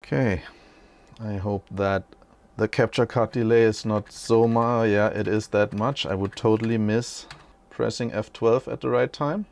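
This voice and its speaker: A tech channel host in his forties does an unscripted walkthrough from a small room at home. His voice is fairly low, gravelly and a little mellow, slightly slow and fairly even in intonation. He rambles casually, chatty and correcting himself along the way.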